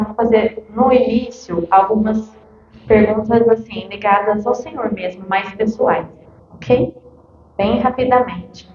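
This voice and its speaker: A woman's voice: medium pitch, slight background noise. A woman interviewer asking questions politely, with a slightly hesitant manner. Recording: echoey, distant, dull room sound.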